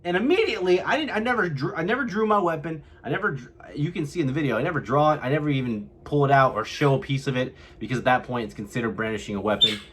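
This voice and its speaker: A man's voice: on the high side, animated, quick pace, hardly any pauses, fairly bright tone, a little hiss or hum. A young man from California, telling a vlog story to camera and acting out what others said. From California, USA. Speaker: vlogger.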